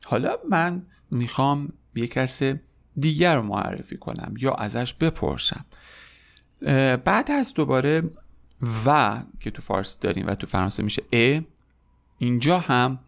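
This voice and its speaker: A man in his thirties from Iran, a French teacher giving a podcast lesson, saying French phrases slowly and clearly and explaining them quickly in Persian. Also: medium pitch, sing-song. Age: 30s.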